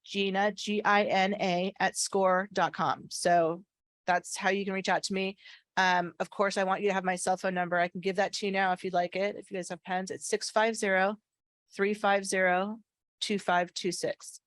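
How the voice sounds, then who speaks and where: A woman's voice: mid-range voice, level tone, moderate pace, no echo. Earnest woman, slightly slurred by a retainer. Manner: earnest, emphatic, repeats key phrases. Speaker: association government affairs staff speaker. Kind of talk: persuasive talk to a meeting.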